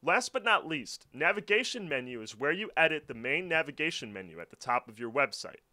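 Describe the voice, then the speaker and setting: Bright, lively male tutorial voice. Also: on the high side, brisk. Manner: clear step-by-step instructional. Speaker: tutorial narrator. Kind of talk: scripted screen-recording walkthrough. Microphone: voice-over.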